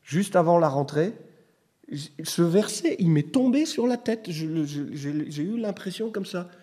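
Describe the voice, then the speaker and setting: A man's voice: sits high, expressive, a little slow, warm tone. A middle-aged man preaching a sermon in a conversational way, telling personal stories and rising to emphatic bursts. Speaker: pastor.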